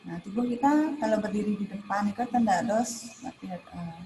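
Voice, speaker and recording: A female teacher with a Balinese accent lectures in a patient, explanatory way, dotting her sentences with little fillers. Her voice sits at an ordinary middle pitch. A steady background noise hums under the livestream audio. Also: moderate pace, low-quality recording. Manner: explanatory, with frequent "nah" and "ya" fillers. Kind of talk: online class lecture.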